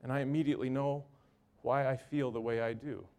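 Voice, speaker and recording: An earnest man tells a personal story from his emergency room work at a middle pitch. He speaks in a halting way and repeats short phrases in a plain, level voice. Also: fairly even intonation, a little mellow. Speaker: emergency room medical worker.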